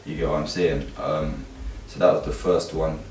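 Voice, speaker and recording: A man's voice: a bass voice, little pitch movement, moderate pace, darkish tone. A man with a London accent chatting casually in emphatic street slang, like a youth mentor. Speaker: youth mentor and course teacher. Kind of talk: casual chat. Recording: roomy, distant mic, faint background noise.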